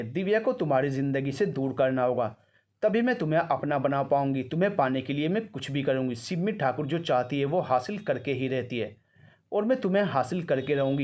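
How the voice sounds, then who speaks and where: A man's voice: medium pitch, lively intonation, brisk, darkish tone, lightly acted. A man voicing a spoiled, scheming young woman who talks back snappishly and defiantly.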